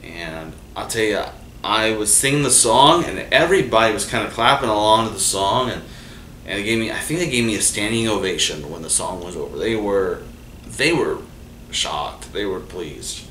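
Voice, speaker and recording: A man with a fairly low pitch and moderate pace hosts a casual storytelling monologue about his own life. His delivery rambles with frequent fillers and restarts, turning animated for quotes, and the recording is distant and echoey with faint noise.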